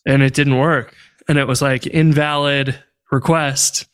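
A man co-hosting a casual tech podcast, telling stories in an animated, exasperated way. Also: mid-range voice, normal speed, clean tone. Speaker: podcast co-host.

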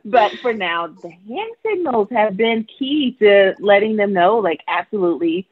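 A working mother telling stories as a podcast guest on a call, animated and laughing easily. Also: mid-range voice, measured pace, slight background noise. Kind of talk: casual interview talk. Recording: phone-like call audio.

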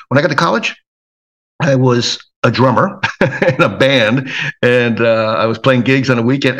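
A middle-aged man from Hawaii, a self-defense trainer, telling his life story in a relaxed, rambling way full of fillers. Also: mid-range voice. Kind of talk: casual storytelling.

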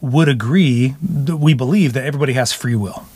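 Male podcast co-host, mid-pitched and earnest, taped close and dead-dry inside a clothes closet. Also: a little fast, a little mellow, breathy edge, dry recording. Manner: earnest, meandering explanations. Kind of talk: casual conversational podcast. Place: small clothes closet at home.

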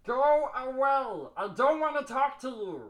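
A formal, easily wounded alien prince, as a woman acts him out, speaking slowly with a lot of rise and fall in the voice. He sounds stiff and pompous in a dry, close recording. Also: high-pitched, animated, no room sound. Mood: hurt. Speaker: guest on an advice show.

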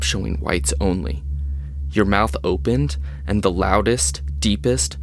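A man's voice: on the low side, slight background noise. A man playing an agitated, skeptical scientist in an audio drama, speaking in formal, theatrical and emphatic phrases. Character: agitated male scientist, skeptical, rattled and wordy.

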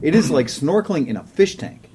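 Husky, lively, profane storytelling man. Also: a little high, brisk. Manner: profane, storytelling, laughs often. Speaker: podcast co-host. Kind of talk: casual chat.

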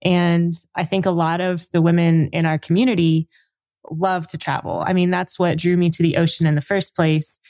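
A woman co-hosting a podcast, reading the intro and asking friendly questions in a measured way. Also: fairly low pitch, level tone, a little mellow, dry recording. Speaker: podcast co-host.

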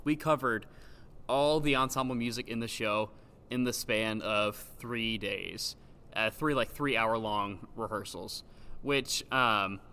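A man's voice: medium pitch, pushed and bright, clean tone. A man chatting casually as a guest with careful, hesitant phrasing, recorded in a large old gym with big-hall echo. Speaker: podcast guest, stage actor. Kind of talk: casual chat. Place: large old gymnasium used as a theater, indoors. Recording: roomy big-hall echo, background noise.

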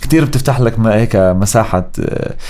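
A man's voice: fairly low pitch, fast talker, warm tone. A man in his thirties with a Jordanian Arabic accent, chatting casually as a podcast guest and dropping in English words. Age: 30s. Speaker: podcast guest, voice-over artist and content creator. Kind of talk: casual conversational interview, mixing in English words.

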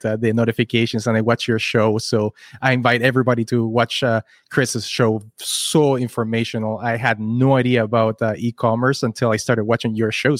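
In a clean, echo-free studio recording, a medium-pitched male voice belongs to a Chilean entrepreneur, a native Spanish speaker, guesting on a podcast. He tells his own story in relaxed interview fashion, sincere but meandering, frequently starting words over.

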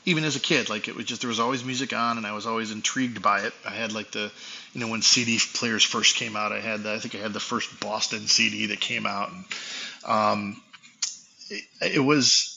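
A man's voice: on the low side, brisk, gravelly, a little hiss or hum. A man guest, a saxophonist from Florida, casually telling a rambling story and acting out old phone calls. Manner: rambling, animated, acts out quoted phone calls. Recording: dull lo-fi audio.

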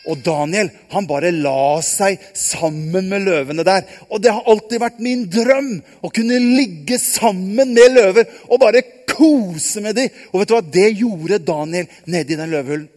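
High-voiced man telling a children's story. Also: few pauses. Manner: lively, asks the children questions. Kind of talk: live Bible story for children. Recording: long hall reverb.

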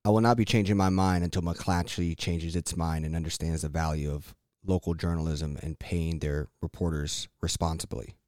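A man calling customer service, speaking firmly and tersely with deliberate wording. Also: deep voice, fairly even intonation, a little mellow, no echo, studio quality. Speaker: customer caller. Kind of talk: phone call to customer service.

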